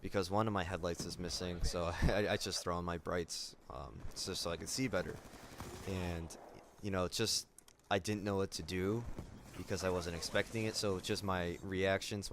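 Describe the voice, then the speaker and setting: A young man talking in a casual vlog, subdued and somber, halting with many fillers and restarts. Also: sits low, a bit bright. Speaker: gaming YouTuber.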